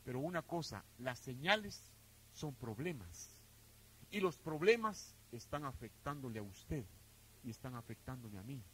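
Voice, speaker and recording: A man preaching a sermon, addressing his listeners as brothers and sisters, swinging between loud emphatic lines and softer ones. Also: mid-range voice, sing-song, a little slow, breathy edge, low-quality recording. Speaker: pastor.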